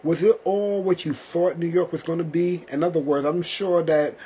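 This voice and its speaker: A male talk show host whose voice sits a little high for a man. He winds through long, repeated questions and fills every pause with "okay" and "yes." A faint noise is heard behind him. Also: fairly even intonation, mellow. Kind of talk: casual interview.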